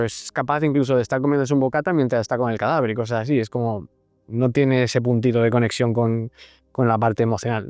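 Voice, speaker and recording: Smooth-voiced man explaining patiently. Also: medium pitch, a little mellow, dry recording. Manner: explains patiently with examples and frequent tag questions. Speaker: psychologist, podcast host. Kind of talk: explanatory casual talk.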